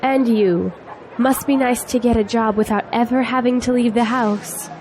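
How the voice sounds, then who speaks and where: Speaking at normal speed with a steady tone, a young adult actress uses a fairly high, slightly mellow voice close to her everyday one. She portrays a spirited female graduate, teasing but earnest, in scripted audio drama dialogue. The rough recording has faint noise and outdoor crowd ambience.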